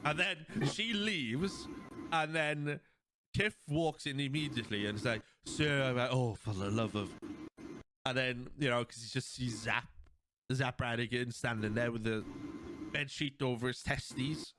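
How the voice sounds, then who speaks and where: A man hosting a podcast, chatting casually and retelling cartoon scenes in a rambling, animated way. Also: medium pitch, unhurried, background noise. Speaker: podcast host. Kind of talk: casual chat.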